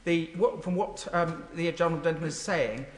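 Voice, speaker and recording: A man speaking as a member of parliament in a heated debate, accusatory and halting, repeating his phrases. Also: a little high. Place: large debating chamber. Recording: echoey hall, noisy crowd behind. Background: crowd of members calling out.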